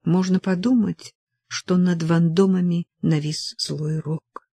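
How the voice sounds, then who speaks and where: A woman reading the lines of a gentle, sorrowful young noblewoman in an audiobook, softly and tenderly. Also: fairly low pitch, fairly even intonation, slow pace, dry recording. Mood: gentle, sad.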